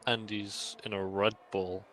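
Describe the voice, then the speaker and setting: A man co-commentating a sim race in a relaxed, giggly way, reading gaps and positions. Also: on the low side, a little slow, a little hiss or hum. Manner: giggly, easygoing, bright delivery.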